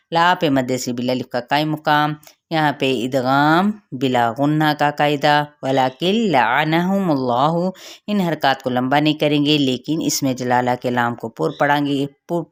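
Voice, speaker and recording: Woman Quran teacher, Pakistani Urdu accent, clear smooth voice, careful word-by-word tajweed lesson. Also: low voice. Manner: slow, drawn-out sounding of each word, then quick explanations.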